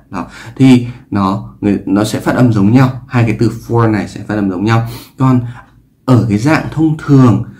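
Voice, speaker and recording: A man's voice: on the low side, warm tone. A Vietnamese-speaking man teaching English pronunciation, explaining sounds and repeating words and example sentences to demonstrate them. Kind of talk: explanatory lesson.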